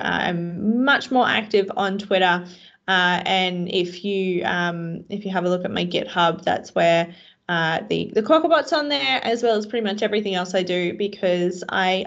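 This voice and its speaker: Chatty woman on a dull video call. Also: mid-range voice. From Australia. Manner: chatty, self-deprecating, many fillers. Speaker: co-presenter, web developer. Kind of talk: casual meetup presentation. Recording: slightly dull online call audio.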